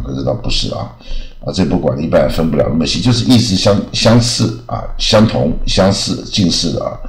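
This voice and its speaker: A man's voice: very deep voice, echoey room, rough recording. A man from Taiwan giving a casual, rambling English lesson, full of filler particles and restarts. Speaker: English teacher.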